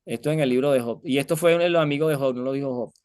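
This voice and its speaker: A man's voice: medium pitch, fast talker, a little mellow, clear, resonant tone, dry recording, studio quality. A man preaching a conversational sermon, telling an illustration and asking his listeners many rhetorical questions.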